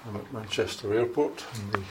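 A man's voice: fairly low pitch, fairly quick, background noise. A man talking casually about his journey as a travel vlogger. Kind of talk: casual travel vlog talk.

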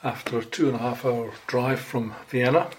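A man's voice: mid-range voice, normal speed, a little hiss or hum. A man talking casually about his journey as a travel vlogger. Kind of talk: casual travel vlog talk.

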